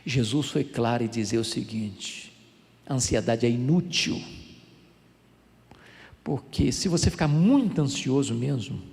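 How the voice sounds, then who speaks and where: A man in his sixties with a Brazilian accent, preaching a sermon in a church with animated storytelling and emphatic, building delivery. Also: mid-range voice, unhurried, vocal fry, pauses often. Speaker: pastor. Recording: long church reverb.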